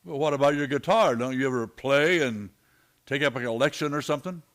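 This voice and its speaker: A man's voice: medium pitch, fairly quick, a bit bright, lightly acted. A fair but firm marshal of the old West, played by a man in a radio drama. He has a mid-range American voice and speaks plainly, with authority. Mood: curious, easygoing. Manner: commanding, plain-spoken. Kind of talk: Western radio play acting.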